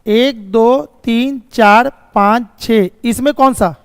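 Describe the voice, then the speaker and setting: A man's voice: very high voice, takes it slowly, smooth, no room sound, long reverb tail. A man teaching a reasoning class live, explaining step by step, checking often if students follow, and sometimes scolding them about the course. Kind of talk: live online class lecture.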